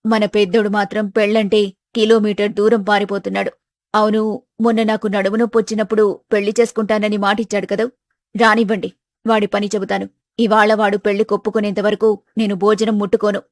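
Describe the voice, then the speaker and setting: A woman's voice: medium pitch, level tone, fairly quick, no echo, lightly acted. A woman voicing a bossy, determined middle-aged mother in a storybook tale. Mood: insistent. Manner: insistent, scolding. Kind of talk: storybook voice acting.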